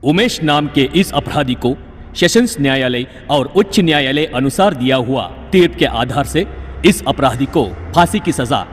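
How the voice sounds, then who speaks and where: An actor playing a judge who slowly and formally confirms a death sentence. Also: male voice, a little high, lively intonation, big-room sound. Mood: solemn. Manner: slow, formal, official.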